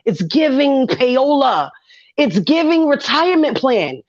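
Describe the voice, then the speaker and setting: A woman's voice: sits high, very animated, slow pace, muffled recording. A woman with a New York accent in heated casual discussion, speaking emphatically and repeating phrases for effect. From Brooklyn, New York.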